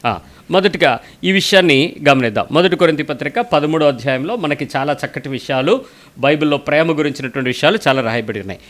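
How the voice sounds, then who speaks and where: A male preacher talks fast in a higher voice and pushes hard with direct questions. He tells a story and quotes the people in it as he goes. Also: expressive, fairly bright tone. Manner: pressing, questioning, speaks straight at the listener. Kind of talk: sermon.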